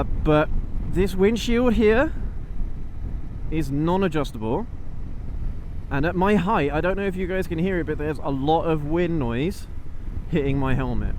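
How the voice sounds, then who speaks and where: A man giving a casual, unscripted ride review as a motorcycle vlogger, speaking in a rambling, hesitant, conversational way from inside a helmet. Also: fairly high pitch. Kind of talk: casual unscripted first-impressions vlog. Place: outdoors on a motorbike. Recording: loud engine and wind noise.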